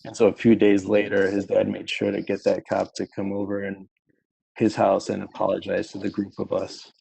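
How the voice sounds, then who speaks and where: Very gravelly, low, relaxed man. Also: normal speed, poor audio. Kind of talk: casual reflective personal account in a group discussion.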